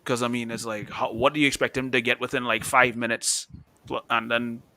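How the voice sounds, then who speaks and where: A man's voice: mid-range voice, little pitch movement, brisk, pushed and bright. A man in his thirties co-hosting a casual football chat, rambling with restarts and laughing easily. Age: 30s. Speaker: podcast co-host.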